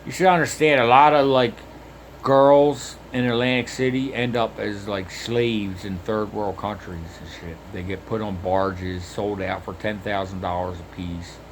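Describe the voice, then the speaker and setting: A man's voice: fairly low pitch, steady tone, measured pace, a little hiss or hum. A man telling a rambling first-person story, swearing constantly and restarting his sentences again and again. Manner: heavily profane, rambling, with frequent restarts and fillers.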